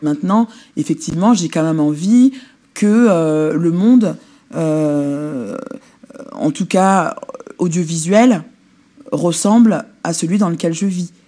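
A woman's voice: on the low side, slow pace, warm tone. A woman actress speaking bluntly and casually in an interview. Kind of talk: documentary interview.

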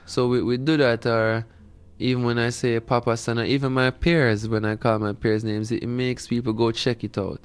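A man's voice: medium pitch, little pitch movement, moderate pace, hardly any pauses, clean tone. A man with a Jamaican accent talking casually as a musician being interviewed.

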